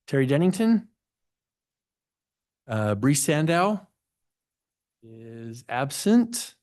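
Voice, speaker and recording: A man's voice: mid-range voice, sing-song, extremely slow, darkish tone. A man on city staff who sets up the recording and calls the roll in a casual way. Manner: casual, checks pronunciations. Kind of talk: running roll call.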